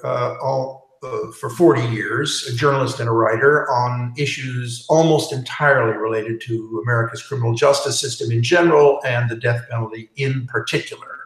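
A man's voice: mid-range voice, fairly bright tone. Older man in an echoey room. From California. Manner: earnest, with frequent fillers. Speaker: roundtable guest. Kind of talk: casual discussion. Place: bright living room at home. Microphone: headset on a video call. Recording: roomy echo on call audio.

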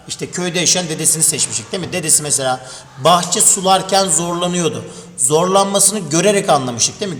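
A man's voice: on the high side, a bit bright. A male teacher giving an exam review lesson, talking to children and asking and answering his own questions. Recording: echoey room with long reverb, faint noise.

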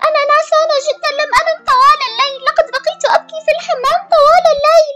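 A woman voicing a lonely schoolgirl doll who feels unloved, in a high, pleading voice. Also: fairly even intonation, very fast, music in the background. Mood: sad. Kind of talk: toy doll drama voicing.

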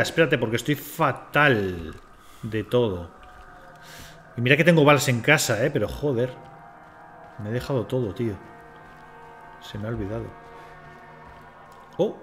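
A man's voice: mid-range voice, fairly bright tone. A man from Spain, swearing and talking to himself as he streams a game. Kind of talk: casual live gameplay commentary.

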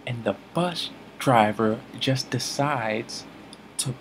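Male comic vlogger, deadpan rambling storyteller, medium pitch, faint room hiss. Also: slow. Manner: rambling, self-correcting, mock-serious. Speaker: comedy vlogger.

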